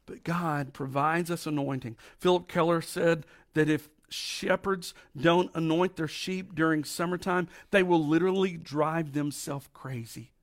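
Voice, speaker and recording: Preaching with slow, drawn-out emphasis, a middle-aged pastor delivers a folksy, emphatic sermon, his voice raspy from allergies. It sits a little high and holds a steady tone.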